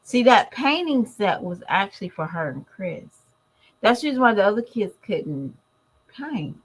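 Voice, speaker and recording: A chatty woman vlogger, tired and congested, talks directly to her viewers in a casual to-camera chat. Her mid-range voice is very animated and slightly rough, at a normal speed.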